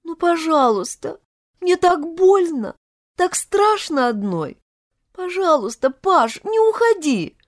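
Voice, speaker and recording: A lovesick young woman, voiced by a female reader, begging in a high, tearful voice. Her pitch leaps and swings wildly from line to line. The recording is close and dry, with no room sound. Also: sing-song, takes it slowly, no echo, heavily acted. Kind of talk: audiobook character voice.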